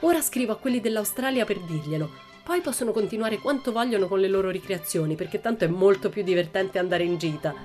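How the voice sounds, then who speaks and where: A woman reading aloud who voices a cheeky, boastful little girl spinning tall tales in a playful, bright way. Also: medium pitch, lively intonation, fast talker, few pauses, over music, pitched above the performer's own voice, close to an everyday voice. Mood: excited.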